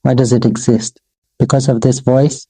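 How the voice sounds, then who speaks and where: Flat, dark-voiced monk giving a sermon. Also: male voice, medium pitch, slightly rough, no echo, rough recording. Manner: slow, measured, repetitive incantatory phrasing; addresses his own voice as "Mister Voice". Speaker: Buddhist monk. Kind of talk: Buddhist dharma sermon.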